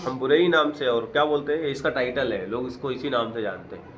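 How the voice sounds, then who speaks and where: An earnest man gives a verse-by-verse scripture lesson, reciting a phrase and then unpacking it slowly in everyday speech. His voice sits at an ordinary middle pitch, and a faint hiss of noise runs behind him. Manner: recites Arabic phrases then explains them in plain conversational Urdu; repetitive, earnest, preacher-like emphasis. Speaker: Quran teacher. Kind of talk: verse-by-verse Quran explanation.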